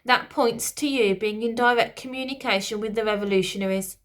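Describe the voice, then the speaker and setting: A woman voicing a troubled king who speaks flatly and reluctantly. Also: fairly high pitch, fairly quick, natural voice. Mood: grave. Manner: flat, distant, reluctant. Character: weary troubled male king, middle-aged.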